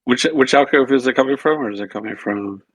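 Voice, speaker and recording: A man with an average-pitched voice chats casually as a tabletop player. The sound is dry, with little room echo. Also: fast. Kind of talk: casual chat.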